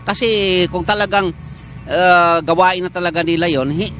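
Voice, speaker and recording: A man with a Filipino accent, a doctor guest on a morning TV show, explaining in a measured way with many "ah" fillers. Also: high voice, fairly even intonation, a bit bright, faint music behind. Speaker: doctor of a medical association, guest. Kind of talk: morning TV interview.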